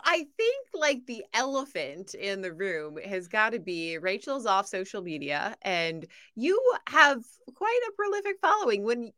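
Giggly woman cohost, bright voice, dry close mic, super playful. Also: mid-range voice, dry recording. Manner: bubbly, giggly, playful impressions. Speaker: podcast co-host. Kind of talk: casual podcast chat.

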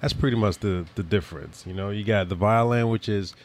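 A man's voice: lowish voice, fairly quick, slight background noise. A man from the Bahamas, a musician guest on a podcast, explaining in a laid-back way and often checking in with the listener. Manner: laid-back, keeps checking in with "you know". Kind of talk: casual interview.

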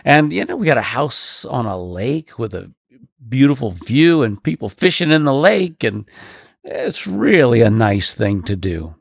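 Lively storytelling man, laughing often. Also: medium pitch, unhurried, vocal fry, breathy edge, dry recording, studio quality. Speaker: podcast co-host and performer. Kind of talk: casual chat.

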